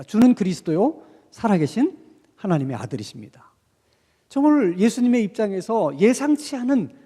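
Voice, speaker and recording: A man preaching a sermon as pastor in a church, animated and acting out quoted speech from the story. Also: sits high, husky. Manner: animated, acts out quoted speech of disciples and Jesus. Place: church sanctuary. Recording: long hall reverb of a church. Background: reverberant church hall.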